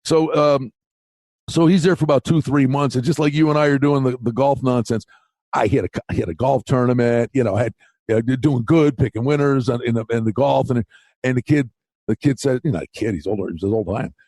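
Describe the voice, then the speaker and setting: A man's voice: medium pitch, a little fast, a little mellow, dry recording. A man co-hosting a golf betting show, telling a story in casual chat, stammering and restarting, acting out the people he quotes.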